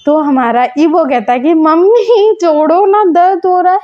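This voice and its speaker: A woman's voice: very high voice, a little slow, pitched above the performer's own voice. A woman voicing a worried, hot-tempered young husband who talks in an agitated, pleading way. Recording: muffled lo-fi audio.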